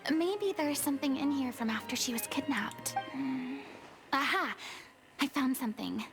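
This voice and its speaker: A woman voicing a theatrical, commanding young woman investigator in a video game, speaking in an articulate, deliberate way. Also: high-pitched, animated. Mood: thoughtful, grave. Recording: game dialogue with music behind.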